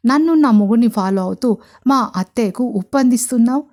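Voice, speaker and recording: A woman voicing a confident young woman CEO who teases and speaks with calm sarcasm in an audio love story. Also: fairly high pitch, fairly quick, pitched above the performer's own voice, lightly acted. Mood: sarcastic.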